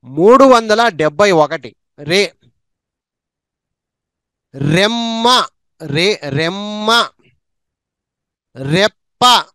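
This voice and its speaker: A man runs a slow reading drill, going through syllables and words one at a time and repeating each one. His voice sits high and moves at a very unhurried pace. The recording is close and dry, with no room sound. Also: lively intonation, bright, forceful tone, clean tone, no room sound. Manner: repeats each word twice, drawn out. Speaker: teacher.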